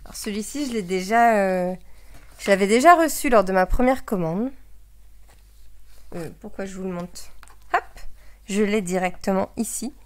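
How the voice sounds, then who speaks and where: A woman's voice: mid-range voice, unhurried, long pauses. A woman demonstrating craft products, talking to viewers in a casual, chatty way, often hesitating with filler sounds and restarting her sentences. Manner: chatty and friendly, addressing viewers directly.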